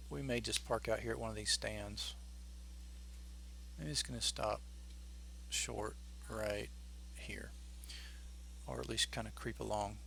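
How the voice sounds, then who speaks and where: A man streams a flight simulator, talking through each step in an informal, think-aloud way. His voice is mid-pitched with a noticeable creak. A light hum sits behind his commentary. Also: a bit bright.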